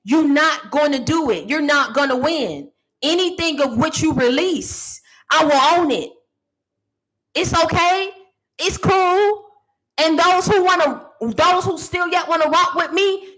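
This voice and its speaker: A woman with a fairly high voice delivers a motivational monologue, preachy and full of sass. She speaks directly to the people she feels are against her, never backing down. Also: a bit bright, rough recording. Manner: sassy, preachy, addresses critics directly.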